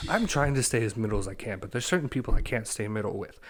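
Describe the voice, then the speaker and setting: A man's voice: fairly low pitch, expressive, fast talker, a little hiss or hum. A young man co-hosting a podcast, ranting bluntly and swearing a lot in casual chat. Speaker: podcast co-host.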